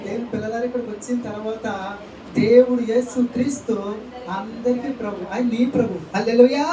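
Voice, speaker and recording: Echoey church sermon by a preaching man. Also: very high-pitched. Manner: rhetorical questions and amen-hallelujah calls to the congregation. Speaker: pastor. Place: church hall. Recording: echoey church, distant mic, faint ambience.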